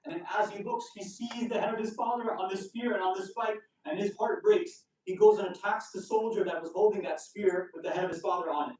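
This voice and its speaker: A man's voice: high voice, fairly even intonation, brisk, few pauses, darkish tone. A man telling a religious story in a sermon, voicing the figures' words and rising to impassioned pleas. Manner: retells quotes in character, rising to impassioned pleading. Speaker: speaker at a religious gathering. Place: large hall or center. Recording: roomy echo from a distance.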